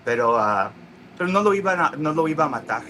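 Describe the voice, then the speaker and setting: Halting man with a bright voice. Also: on the high side, big pitch swings, slight background noise, low-quality recording. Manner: halting, many restarts and fillers, acts out quoted voices. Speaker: interview guest. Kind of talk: casual storytelling interview.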